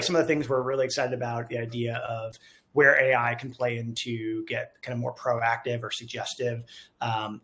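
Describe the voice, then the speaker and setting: A software company staffer with a medium-pitched, slightly bright voice co-hosts a company webinar during a casual panel talk. He speaks conversationally, thinking aloud and rambling informally as he goes.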